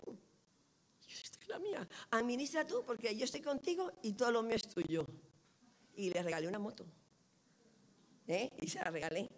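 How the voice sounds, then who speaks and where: A middle-aged woman preaching from a pulpit. Her voice keeps a moderate pitch. She tells stories animatedly and acts out each quoted line. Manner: animated storytelling, lively quoted dialogue. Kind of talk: sermon.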